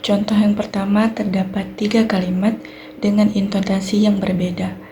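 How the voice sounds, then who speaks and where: A young woman with an Indonesian accent, a university student giving a clear, methodical recorded class presentation on sentence structure. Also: mid-range voice, flat delivery, moderate pace, dark tone, slight background noise. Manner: clear explanatory delivery, fillers like "nah" and "baik".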